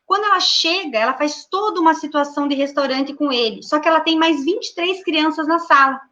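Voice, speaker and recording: A woman educator speaking in an online panel, lively and acting out classroom talk. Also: high voice, fairly quick, muffled recording. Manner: lively, acts out classroom dialogue. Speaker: guest speaker, early childhood educator.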